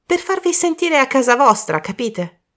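A woman voicing an eager, apologetic young male prankster in an audiobook, with a raised, loud, excitable voice. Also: sits high, moderate pace, pitched above the performer's own voice. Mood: eager, flustered.

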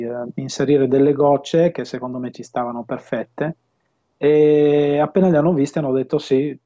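Being interviewed about his work as an audio system installer and dealer, a man in his fifties speaks in a mellow voice of medium pitch. He keeps it casual, frequently stopping mid-sentence while explaining. He's at home in a room lined with bookshelves, talking through an earphone headset, and the video call audio sounds dull and lo-fi.

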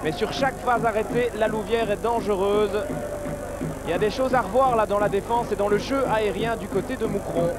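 A man giving excited football commentary as a match commentator, his voice surging with the play. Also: high voice, fairly quick, over loud music. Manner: voice surges on chances and goals.

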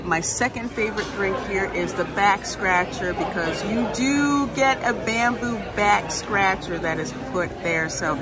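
A woman's voice: medium pitch, animated, unhurried, few pauses. A young woman chatting eagerly about food in a casual vlog, filmed on a phone at arm's length in a busy restaurant. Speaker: food vlogger. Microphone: phone camera at arm's length. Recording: loud restaurant crowd and music. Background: loud crowd chatter and music.

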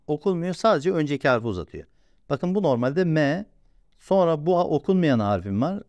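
Patient man teaching with lively pitch. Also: no room sound. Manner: patient, repeats sounds slowly and asks himself questions. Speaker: religious reading teacher. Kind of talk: step-by-step recorded lesson.

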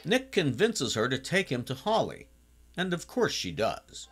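A man in his sixties recapping a TV episode in a chatty, casual way, now and then breaking into animated exclamations. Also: fairly high pitch, measured pace, slightly rough, faint music behind. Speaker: TV series reviewer.

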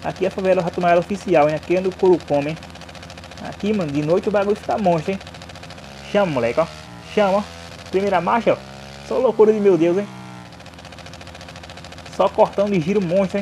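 A man's voice: sits high, fast, pauses often, a little mellow, a little hiss or hum. Hyped young Brazilian man vlogging. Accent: Brazilian Portuguese. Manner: hyped, slangy, repeats tag words like "né" and "hein". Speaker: motovlog host. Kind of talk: excited vlog commentary.

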